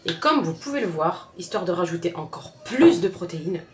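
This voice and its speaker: A woman's voice: lowish voice, animated, moderate pace, a little mellow. A woman with a Southern French accent, chatting casually as a home cook while she demonstrates a recipe and talks straight to her viewers. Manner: chatty, addresses viewers directly, repeats words often. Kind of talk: casual cooking tutorial. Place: home kitchen.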